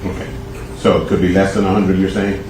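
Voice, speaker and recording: Lawyer guy grilling a witness, kinda low voice, keeps rewording questions, distant mic with room noise. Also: flat delivery, brisk. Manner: probing, repeats and rephrases questions. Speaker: defense attorney. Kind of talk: courtroom cross-examination. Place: courtroom. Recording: echoey, distant, noisy courtroom audio.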